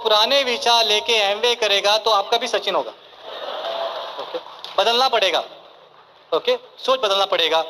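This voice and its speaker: A man's voice: high voice, pushed and bright, slight background noise. A man giving a motivational seminar speech in a large hall, mixing Hindi with English phrases and often checking in with his audience. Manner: keeps checking in with the crowd, asking for yes or no and saying okay. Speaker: motivational business speaker. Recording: reverberant hall sound.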